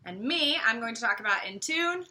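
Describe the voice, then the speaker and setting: A woman's voice: fairly high pitch, lively intonation, fairly quick, bright, forceful tone. An American woman chatting casually about products she carries, bubbly and playful with frequent laughs. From United States. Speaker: co-host.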